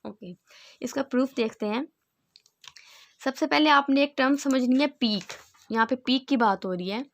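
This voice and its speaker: A woman with a fairly high voice gives a patient lecture, explaining step by step. She slows right down to read definitions aloud and keeps checking that her students are following. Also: gravelly. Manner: explains step by step, mixing in English terms and reading definitions slowly; checks in often with "ठीक है ना". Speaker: math teacher. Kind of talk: classroom lecture.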